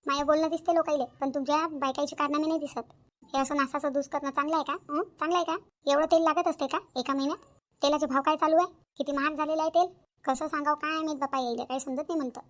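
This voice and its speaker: Woman doing a nagging cartoon mother-in-law, high and fast, repeats herself. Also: steady tone, natural voice. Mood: complaining. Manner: scolding, repetitive. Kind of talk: cartoon comedy voice acting.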